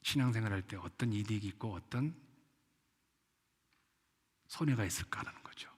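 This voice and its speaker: A man's voice: fairly low pitch, animated, normal speed, husky. A man preaching a sermon as pastor, with an impassioned delivery that acts out the people he quotes. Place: church sanctuary. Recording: echoey church hall.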